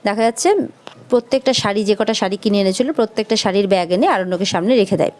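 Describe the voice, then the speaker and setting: A woman narrating a TV serial episode in lively storytelling, voicing each character. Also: mid-range voice, fast.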